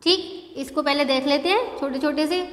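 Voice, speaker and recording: A woman teacher with an Indian accent, explaining a lesson slowly and patiently, often checking in with the class and mixing in English words. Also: high-pitched. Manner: slow, patient explaining with frequent "ठीक है" check-ins. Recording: echoey room with long reverb.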